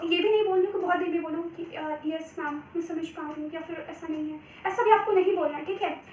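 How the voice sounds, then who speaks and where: A woman's voice: extremely high pitch, recorded from a distance, slight background noise. A young Indian woman giving interview advice in a chatty vlog, mixing Hindi and English and often checking in with her viewers. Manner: chatty, repeats "theek hai" often; switches between Hindi and English. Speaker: vlogger giving cabin crew interview tips. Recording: echoey room, voice off-mic.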